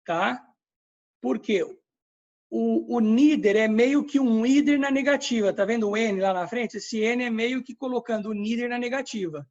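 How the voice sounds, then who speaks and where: A man's voice: very high-pitched, normal speed, darkish tone, muffled recording. A male English teacher, Portuguese his first language, reviewing a lesson and checking in with students by name. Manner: explains step by step, checks in with students. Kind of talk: recorded class review lesson.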